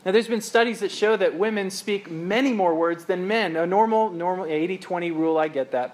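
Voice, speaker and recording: A middle-aged male pastor preaching a sermon in an earnest, reflective, conversational way, reading scripture aloud. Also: sits high.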